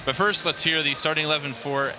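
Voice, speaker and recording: A man calling a soccer match as the radio play-by-play announcer, delivering lineups and statistics in a brisk, polished way from a stadium booth. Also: on the high side, over music. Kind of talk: radio sports broadcast.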